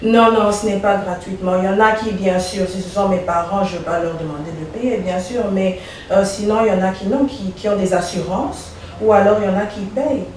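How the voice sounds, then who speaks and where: A woman dentist born in Belgium, giving measured, soft-spoken answers in an interview. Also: mid-range voice. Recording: echoey room, voice from far off, faint noise.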